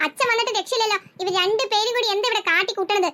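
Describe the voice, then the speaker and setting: A woman's voice: extremely high pitch, very fast. A woman voicing a harried, exasperated mother who scolds her children in a family comedy sketch. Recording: noisy home recording.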